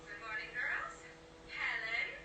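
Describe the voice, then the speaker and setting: A woman's voice: fairly high pitch, very animated, slow, far from the mic, a crowd in the background. A woman voicing a brash witch in a comedy clip, ranting over the top. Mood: scheming. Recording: phone clip played from afar, echoey.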